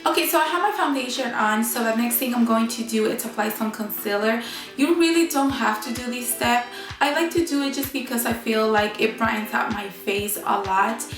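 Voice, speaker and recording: A woman's voice: on the high side, normal speed. A woman vlogger with a bad cold and a honking, nasal, stuffed-up voice, chatting casually through a makeup tutorial. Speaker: beauty vlogger. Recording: roomy echo, music behind. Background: music.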